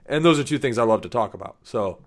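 Male podcast host, casual chatty storyteller, lively quoted voices. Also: medium pitch, quick pace. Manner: animated storyteller, acts out quotes; laughs often, many fillers.

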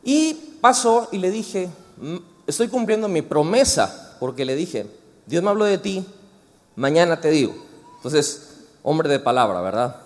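A man with a Mexican accent preaching to a congregation with a high, very lively voice that leaps up and down. He jokes and chats with the crowd as he goes. His words ring out with a long hall echo. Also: a little slow. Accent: Mexican Spanish. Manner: animated, joking and chatty with the audience. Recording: reverberant hall.

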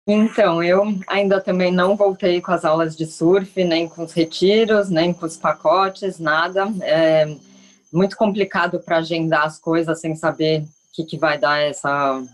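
A woman's voice: on the low side, rough recording. Earnest woman surf teacher. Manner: earnest, concerned, hesitant. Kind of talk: casual podcast chat.

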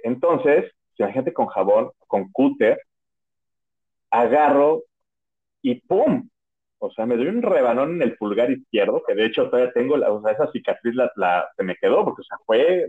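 A Mexican man tells an old personal story at an easy conversational pitch, circling back and restarting his sentences as he goes. The sound is thin and squeezed, like a phone line. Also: animated, moderate pace, husky. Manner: chatty, rambling, full of "o sea" and restarts. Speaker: podcast host. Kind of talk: casual storytelling. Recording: narrow phone-like audio.

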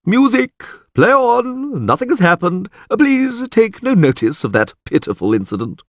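A man's voice: high voice, sing-song, unhurried, no room sound, clean studio sound, voice pushed up, exaggerated voice. A man voicing a portly, haughty court chamberlain who speaks emphatically. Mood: flustered. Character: pompous portly middle-aged male chamberlain.

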